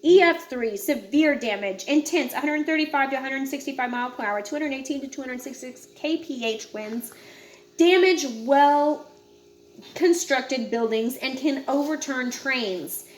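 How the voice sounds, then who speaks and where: A high-voiced woman reads a nonfiction book aloud at normal speed, with a little hiss or hum in the background. She presents it informally, tossing in casual asides and correcting her own stumbles.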